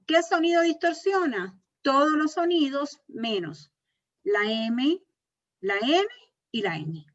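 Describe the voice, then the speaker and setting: A woman's voice: fairly high pitch, fairly bright tone. A woman teacher giving a lecture, explaining step by step, repeating key points and checking in with her class. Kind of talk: university lecture on speech disorders. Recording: dull lo-fi recording.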